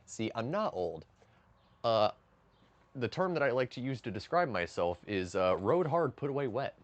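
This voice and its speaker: A man in his late twenties talks loosely with his stream chat, swearing often and joking between tasks at home. His voice sits at an ordinary middle pitch for a man, and his delivery is easygoing and casual. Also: very animated, normal speed, muffled recording. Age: late 20s. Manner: profane, joking, reading chat aloud. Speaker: livestreamer. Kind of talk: casual livestream chat while cooking. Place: home kitchen, stepping outside to smoke.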